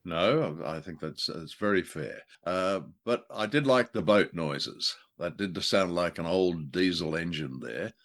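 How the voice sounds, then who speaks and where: In a deep voice with lively intonation, this podcast co-host speaks at a measured pace with hardly any pauses. He jokes wryly through a casual review of an old radio play, adding wordy asides.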